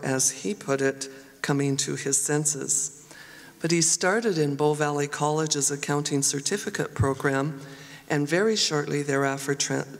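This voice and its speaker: A ceremony host giving a formal, measured podium speech to introduce a speaker. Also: mid-range voice, creaky. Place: large hall at a graduation ceremony. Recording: echoey hall with long reverb.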